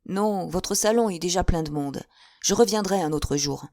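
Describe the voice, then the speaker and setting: A woman voicing a stern, authoritative gentleman who speaks firmly and briefly. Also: on the low side, moderate pace, no room sound, clean studio sound, close to an everyday voice. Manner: firm and clipped.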